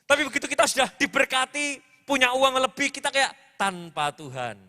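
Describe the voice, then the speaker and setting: A man preaching a sermon in a church, emphatic and repetitive, rising to loud swells between quieter asides. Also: very high-pitched, big pitch swings, brisk. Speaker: pastor. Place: church hall. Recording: long hall reverb.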